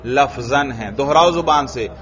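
A man's voice: mid-range voice, crowd noise. A man teaching a grammar lesson to a class, often asking students questions and repeating their answers. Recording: dull lo-fi recording.

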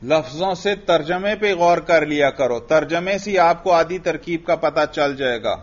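A man teaching a grammar class, patient and coaxing. He quizzes his student and echoes each answer back. His voice sits a little high, and the lo-fi recording sounds dull.

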